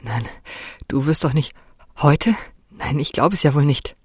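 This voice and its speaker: A woman's voice: extremely low pitch, fairly even intonation, moderate pace, darkish tone, slightly rough, dry recording, studio quality, voice pushed down, heavily acted. A woman voicing a shocked, defiant young man who protests agitatedly, in a storybook reading.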